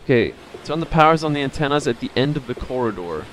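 A man's voice: mid-range voice, expressive, fast talker, a little hiss or hum. A man in his thirties giving casual, playful live gameplay commentary, thinking aloud as he streams. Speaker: video game streamer.

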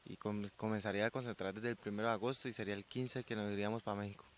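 A sixteen-year-old young man from Colombia, a weightlifter answering interview questions outdoors into a handheld mic, soft-spoken and modest. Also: lowish voice, steady tone, racing, slight background noise. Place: outdoors by a sports ground. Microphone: handheld reporter mic.

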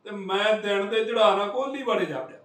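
Animated storytelling man, high and roomy. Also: a little fast. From Punjab, India. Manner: animated, acts out other people's words with swings between loud and hushed. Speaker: vlogger telling a road story. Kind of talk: casual spoken storytelling. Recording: roomy sound from a distance.

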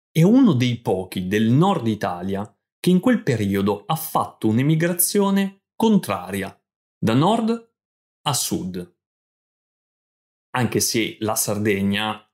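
A man reading scripted narration for language learners, telling a story in short, clear sentences. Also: medium pitch. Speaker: podcast host and language teacher.

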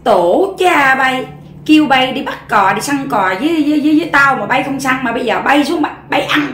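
This is a grumpy old father-in-law, as a woman with a Southern Vietnamese accent puts him on, scolding slowly and at length. Her voice stays high and lively. It rings in a roomy space. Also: slight background noise.

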